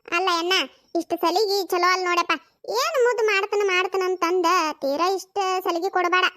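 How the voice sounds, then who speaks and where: A performer doing a squeaky, complaining cartoon aunt with a North Karnataka accent. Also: brisk, bright, forceful tone. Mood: reproachful. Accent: North Karnataka Kannada. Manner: complaining, lecturing tone.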